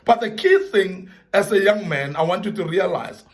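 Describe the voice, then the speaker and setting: Man, high voice, earnest motivational speaker who leans on repetition and scripture. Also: lively intonation, normal speed. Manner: earnest, repetitive emphasis, Bible references. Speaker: speaker giving advice to young men. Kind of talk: motivational talk.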